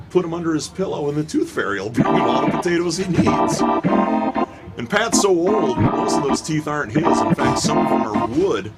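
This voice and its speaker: Joking hockey announcer with rink organ. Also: male voice, on the high side. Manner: playful roast humor. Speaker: play-by-play announcer. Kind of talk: joking amateur hockey commentary. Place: rink booth.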